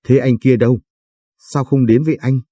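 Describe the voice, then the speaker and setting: A man's voice: mid-range voice, steady tone, normal speed, dark tone, husky, no room sound, clean studio sound, close to an everyday voice. A man voicing a hot-tempered elderly father-in-law who scolds his sons-in-law in long angry tirades. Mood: stern. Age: older.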